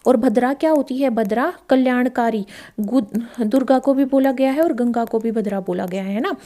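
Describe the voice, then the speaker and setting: A woman's voice: a little high, normal speed, mellow. A woman teacher going through past exam questions, asking and answering her own questions and repeating key words. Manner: explanatory, asks questions then answers them; repeats key words, mixes in English phrases. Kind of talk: exam-prep lesson explaining past paper questions.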